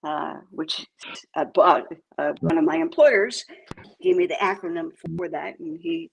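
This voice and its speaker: A woman's voice: lowish voice, animated, a little slow, gravelly, muffled recording, slight background noise. A woman in her seventies from New York State, a guest chatting casually in an interview about her working life, talking in a rambling, hesitant way with lots of fillers. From New York State, USA. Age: 70s. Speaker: guest, crypto project co-creator.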